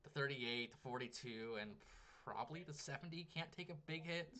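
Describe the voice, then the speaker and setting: A young man co-commentating an online sim race in a relaxed, chatty way, explaining incidents. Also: medium pitch, brisk. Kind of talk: casual sim racing commentary.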